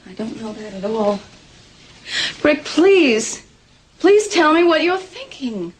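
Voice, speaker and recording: A woman's voice: high voice, big pitch swings, takes it slowly, a little hiss or hum, exaggerated voice, low-quality recording. An actress playing an anxious, proud young pregnant woman in a 1980s soap opera, talking hesitantly with stumbling restarts. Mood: anxious, defensive.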